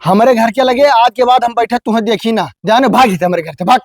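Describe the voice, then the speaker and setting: A man's voice: very high voice, fast, dry recording, studio quality. A man playing a stubborn young village husband in a comedy skit, bickering bluntly in an Awadhi accent. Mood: annoyed. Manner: blunt, bickering rustic talk.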